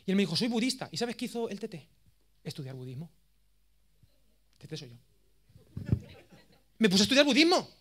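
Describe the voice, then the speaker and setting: A man in his thirties with an accent from Spain, giving a course lecture as a lively, self-mocking storyteller. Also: sits high, a little fast, long pauses. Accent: Spain Spanish. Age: 30s. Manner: animated, self-mocking, jokey.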